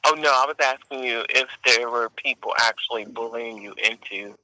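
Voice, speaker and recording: A man's voice: medium pitch, normal speed, pushed and bright, no echo, poor audio. A man taking a crisis line call, offering brief acknowledgements and tentative questions. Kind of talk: question-and-answer phone support.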